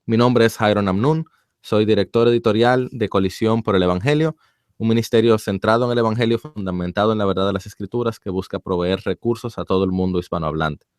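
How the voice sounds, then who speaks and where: Male radio host in studio, low voice, dry close sound, relaxed and joking with his guest. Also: dry recording. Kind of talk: radio interview hosting.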